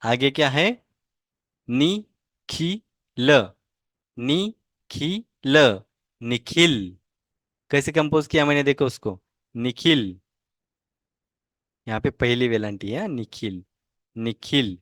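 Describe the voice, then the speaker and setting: A man with a Marathi accent, teaching an online language lesson and reading out each word slowly, several times over, for students to repeat. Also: medium pitch, fairly bright tone, no room sound. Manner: slow, drawn-out repetition of each word for students to copy.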